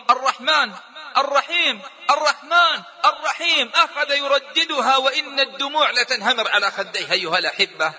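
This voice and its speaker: A man preaching a sermon in emotional storytelling style, impassioned and rising toward near-shouting. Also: very high voice, long reverb tail.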